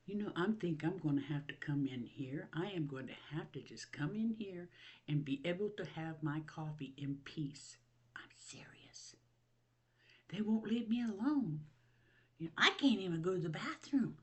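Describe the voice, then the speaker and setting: A woman's voice: low-pitched, animated, normal speed. Chatty older woman. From Ohio. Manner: rambling, chatty, laughs often, self-mocking. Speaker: vlog host. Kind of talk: casual chat to camera. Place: at home.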